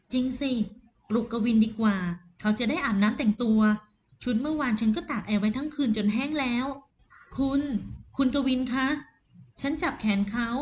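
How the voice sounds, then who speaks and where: A woman narrating a first-person romance audio novel in an even storytelling voice. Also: a little high, slight background noise.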